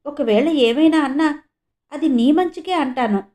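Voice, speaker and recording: A woman's voice: high-pitched, a little slow, a little mellow, pitched above the performer's own voice. A woman voicing an ailing, bedridden older mother who pleads with her daughter. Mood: pleading.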